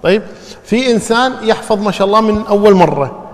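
A man's voice: sits high, animated, fast talker. Man lecturing in a reverberant hall. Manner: quizzes students with questions and repeats key terms. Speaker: teacher of hadith studies. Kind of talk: classroom lecture.

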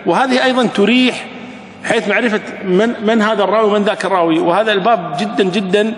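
A man with a high voice teaches hadith sciences, reading each line of a classical poem slowly before explaining it calmly. The recording is roomy, with a long reverb tail from the hall. His talk stays measured and explanatory. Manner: recites verse slowly, then explains at an easy pace.

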